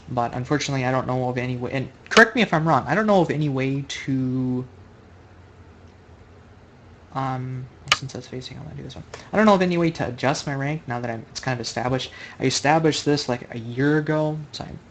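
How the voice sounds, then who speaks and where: A man's voice: mid-range voice, a bit bright, slight background noise. A man commentating on his own online Go game in a loose, rambling way, thinking aloud and correcting himself mid-sentence, recorded at home at a computer. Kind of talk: casual live game commentary.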